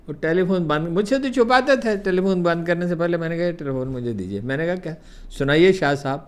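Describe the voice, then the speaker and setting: Older man telling lively anecdotes. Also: fairly high pitch, smooth. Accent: Pakistani Urdu. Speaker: columnist recounting memories. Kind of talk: storytelling anecdotes.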